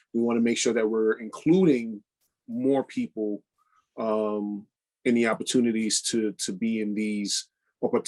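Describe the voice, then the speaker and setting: A man's voice: medium pitch, rough recording. A man co-hosting a college talk show, speaking with rambling enthusiasm. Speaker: co-host.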